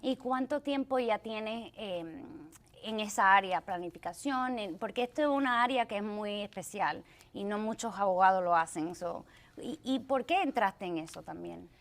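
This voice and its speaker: A woman's voice: mid-range voice, moderate pace. A woman hosting an interview show, welcoming a guest and asking questions while sometimes searching for words. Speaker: show host.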